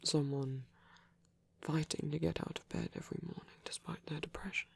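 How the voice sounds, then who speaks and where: A breathy, whispered performance brings to life a gentle male vampire priest who cares for the listener in an intimate ASMR roleplay. His manner is measured and slightly formal, his voice sits mid-range with a steady tone, and he sounds earnest and soothing.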